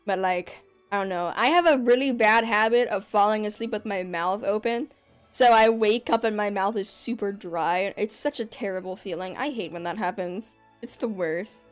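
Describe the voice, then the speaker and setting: Speaking into a desk mic in their bedroom, a young adult streamer rambles over gameplay and laughs a lot. The voice is smooth and medium in pitch.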